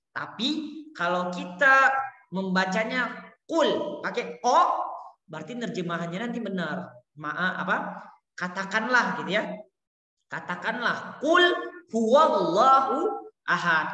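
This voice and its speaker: Bright-voiced woman teacher in an echoey room. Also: mid-range voice. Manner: patient, encouraging, drills words and sprinkles Arabic classroom phrases. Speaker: Arabic teacher. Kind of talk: online class teaching pronunciation to children. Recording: echoey room with long reverb.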